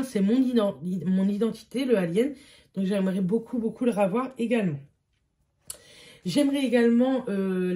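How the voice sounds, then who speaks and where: A young woman talks through her vlog in a loose, chatty way. She fills pauses with hesitations and repeats words as she goes. Her voice is mellow and relaxed, sitting at a middle pitch. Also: a little hiss or hum. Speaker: beauty vlogger. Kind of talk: casual vlog chat.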